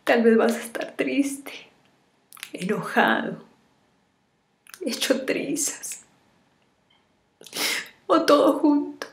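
An actress in her thirties playing a sorrowful woman in a dramatic farewell monologue to her lover, tearful and halting, often breaking into whispers. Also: sits high, lively intonation, creaky, heavily acted. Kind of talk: dramatic monologue, acted farewell video message. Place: small bare indoor room. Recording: roomy echo of a bare room.

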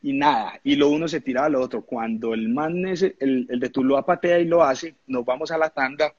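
A man, a former footballer telling animated anecdotes in a casual interview, often laughing and acting out the people he quotes. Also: mid-range voice, normal speed, no room sound, lo-fi sound.

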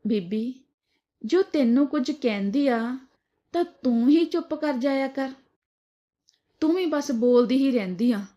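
An irritable grown son snaps and scolds in a storybook tale, as a woman reads him out. His lines come higher and a little louder than the telling around them. The recording sounds dull and lo-fi. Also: animated, a little slow, pauses often. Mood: scolding. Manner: scolding, snappish. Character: irritable grown son, short-tempered man. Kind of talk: storybook dialogue reading.

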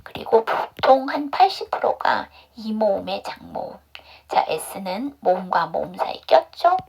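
A woman's voice: mid-range voice, very animated, unhurried, vocal fry, a little mellow, breathy edge. A woman teaching English pronunciation in an online class, drilling step by step by asking questions and answering them herself. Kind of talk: online phonics lesson.

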